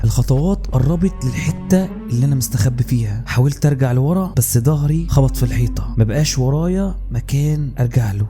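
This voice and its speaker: A man with an Egyptian accent narrating a first-person horror story in a tense, scripted delivery. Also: mid-range voice. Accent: Egyptian Arabic.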